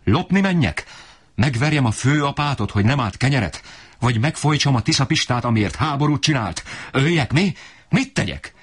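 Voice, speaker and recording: A man voicing an enraged, desperate poor father who shouts in fury. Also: on the low side, sing-song, husky, pitched above the performer's own voice, heavily acted. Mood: raging. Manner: shouting, raging.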